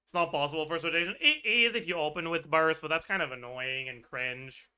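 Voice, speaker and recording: A man's voice: a little high, a little fast, bright, forceful tone, smooth. A man streaming a game, chatting casually and thinking aloud, swearing and laughing as he works through numbers. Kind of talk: livestream game chat.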